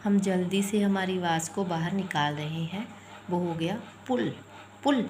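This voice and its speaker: A woman's voice: on the low side, fairly even intonation, moderate pace, darkish tone, a little hiss or hum. A woman teaching Hindi vowel signs, spelling words out sound by sound and repeating them patiently. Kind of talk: explaining letters and vowel signs.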